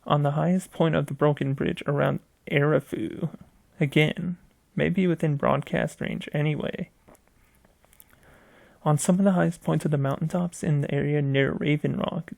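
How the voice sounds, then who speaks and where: A man narrates a scripted video game mystery story aloud, occasionally stumbling and repeating phrases. His voice is on the high side, gravelly and a little mellow, and the recording is dry.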